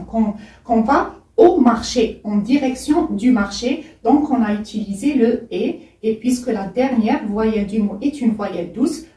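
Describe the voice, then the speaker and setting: Soft-toned woman teaching in an echoey room. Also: on the high side. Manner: slow, careful explaining with repeated examples. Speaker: language teacher. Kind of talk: scripted language lesson. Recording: echoey room, voice far from the mic.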